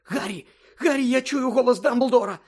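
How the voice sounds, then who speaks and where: A man's voice: high voice, fairly quick, slightly rough, voice pushed up. A man voicing an anxious, bossy schoolgirl in an audiobook, with an urgent, breathless delivery. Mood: alarmed.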